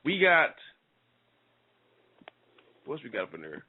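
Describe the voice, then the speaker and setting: A man's voice: mid-range voice, huge pitch swings, takes it slowly, breathy edge. Brash male wrestling radio co-host, teasing banter, tinny phone-like sound. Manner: brash, teasing, swears freely. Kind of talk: casual wrestling talk radio. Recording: phone-like lo-fi audio.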